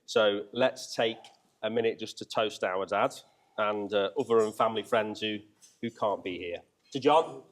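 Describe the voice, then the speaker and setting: Man giving a halting wedding speech, noisy recording. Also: fairly low pitch. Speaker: wedding speaker, brother of the groom. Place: wedding reception, live before guests. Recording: noisy live event recording with clicks.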